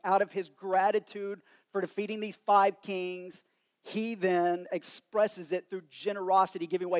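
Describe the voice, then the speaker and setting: A man with a West Texas accent and twang, preaching a sermon in a conversational way. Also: high voice.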